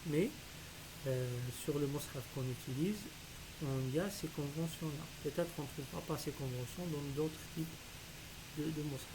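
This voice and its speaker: A man teaching a reading lesson step by step. He is patient, sounding out syllables slowly and repeating them. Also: a little high, background noise.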